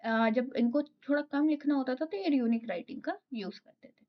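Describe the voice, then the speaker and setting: A woman teacher giving an exam-prep literature lecture, reading notes slowly and then explaining them. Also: high-pitched. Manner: explains in mixed Hindi and English, reads English notes slowly then restates. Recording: dull lo-fi audio.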